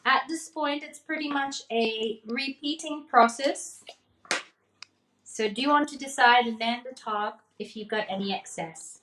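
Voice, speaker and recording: A woman's voice: on the high side, unhurried, a bit bright, a little hiss or hum. A woman demonstrating cake decorating live in a kitchen, talking casually and checking in with her viewers. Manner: chatty, checks in with "okay?", laughs often. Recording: echoey room.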